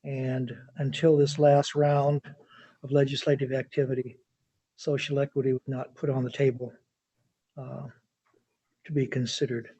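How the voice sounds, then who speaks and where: Measured board chair running motions and votes, husky, mellow, dry sound. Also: male voice, medium pitch, little pitch movement, dry recording, rough recording. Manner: measured, procedural. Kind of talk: chairing a formal meeting.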